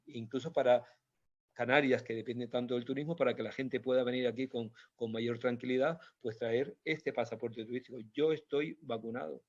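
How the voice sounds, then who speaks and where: A man's voice: mid-range voice, a little mellow. Man explaining, muffled lo-fi sound. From Spain. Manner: explanatory, repetitive, many hesitations. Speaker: doctor giving a talk. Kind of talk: informal health talk with slides. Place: Canary Islands. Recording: dull lo-fi sound.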